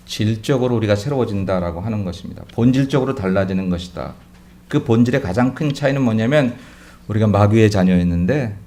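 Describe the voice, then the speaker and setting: Man preaching a lively sermon. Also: on the low side, slight background noise. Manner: dynamic preaching, swings between loud exclamations and quiet asides; rhetorical questions to the congregation. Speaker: pastor.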